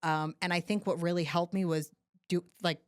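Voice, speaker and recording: Telling her story on a podcast, a young new mother chats casually and acts out other people's lines, cursing freely and with plenty of energy. Her voice is on the low side, clear and resonant, at normal speed.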